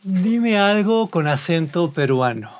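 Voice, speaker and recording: Excitable teasing male interviewer. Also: high-pitched, takes it slowly. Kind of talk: playful interview.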